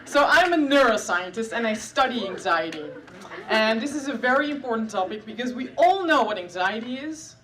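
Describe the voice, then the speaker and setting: A Dutch-accented woman in her thirties, a neuroscientist from the Netherlands, delivers a dry, self-deprecating stand-up set about her work, peppered with filler sounds, on a live comedy stage. Her fairly high, fairly bright voice is expressive at a normal pace, though the distant recording is rough.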